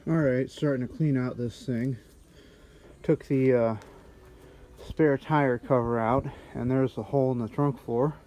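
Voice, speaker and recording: Brief: man, muffled respirator voice, mellow tone, casual workshop narration, handheld camera. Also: medium pitch, steady tone, slight background noise. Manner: halting, many fillers while working. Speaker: car restorer. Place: auto body garage.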